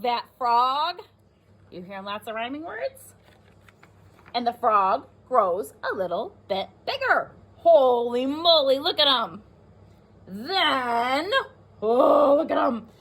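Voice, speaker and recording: A woman teacher reads aloud to pre-kindergarten children in a fairly high, expressive, sing-song voice. She stresses the rhyming words and stops to talk with her listeners, making it an animated read-aloud full of asides.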